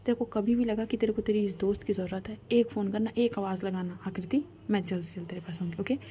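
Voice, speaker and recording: A caring young best friend, firm but comforting, with a warm, mellow tone, as a woman narrator voices her. She speaks plainly and steadily, giving orders out of concern. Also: medium pitch, fairly even intonation, fast talker, a little hiss or hum, close to an everyday voice.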